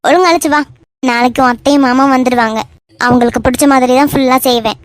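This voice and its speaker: A woman voicing a fussing middle-aged mother in an animated cartoon, nagging, with a Kanyakumari Tamil accent. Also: high voice, fast talker, natural voice. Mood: scolding.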